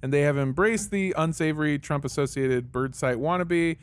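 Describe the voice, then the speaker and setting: A man co-hosting a comedy podcast, his voice sitting slightly high. He reads odd news items casually, tripping over words, laughing and riffing as he goes. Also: normal speed, smooth, no echo. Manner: jokey, laughs often, rambling asides. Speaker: podcast co-host.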